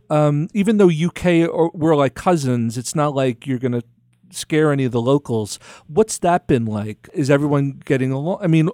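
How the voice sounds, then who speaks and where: Rambling man interviewer, slightly high voice. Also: darkish tone, no room sound, clean studio sound. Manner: rambling, searching questions with restarts. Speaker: podcast host. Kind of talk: casual interview.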